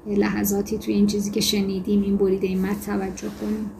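A woman teaching a lesson on fiction writing, explaining in a conversational way with self-corrections and reading passages aloud in a measured voice. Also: mid-range voice, monotone, creaky, darkish tone, a little hiss or hum. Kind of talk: lecture on fiction writing with read-aloud excerpts.

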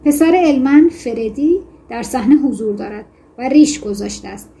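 A woman teaching a lesson on fiction writing, explaining in a conversational way with self-corrections and reading passages aloud in a measured voice. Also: a little high, warm tone. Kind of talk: lecture on fiction writing with read-aloud excerpts.

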